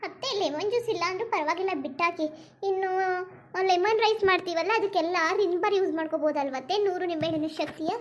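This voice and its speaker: A chirpy, naive young daughter-in-law, voiced by a woman for a cartoon, chatty and pleading in a Kannada accent. Her voice is very high and she talks fast. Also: background noise. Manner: chatty, pleading, sing-song. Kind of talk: cartoon voice acting.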